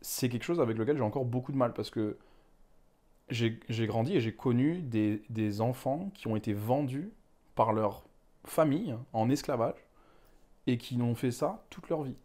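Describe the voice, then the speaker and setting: A young man from West Africa speaks as an interview guest, with a medium-pitched voice. He talks in a loose, reflective way, circling back and adding little asides as he thinks. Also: moderate pace, warm tone. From Ghana, West Africa. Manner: rambling, reflective, frequent "tu vois". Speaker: manga author guest. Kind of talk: candid conversational interview.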